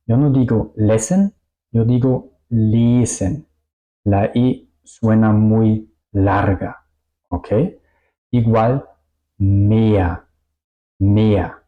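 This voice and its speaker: A German man speaks Spanish as a second language, with a few small slips, in a slow, deliberate teaching voice. His voice sits low and mellow, and he repeats each example word with care. He keeps pausing to check "ok?" with his learners. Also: low-quality recording. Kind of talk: language lesson explanation.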